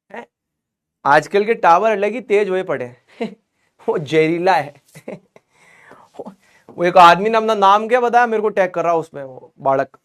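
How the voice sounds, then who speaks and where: High-voiced man teaching a lively class. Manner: chatty, joking, switches between teaching and banter. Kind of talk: online class lecture.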